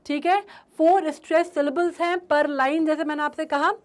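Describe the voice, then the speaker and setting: A woman teacher with an Indian accent explaining a poem in a lesson, mixing Hindi and English, checking often that students follow, and reading lines slowly. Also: sits high, steady tone.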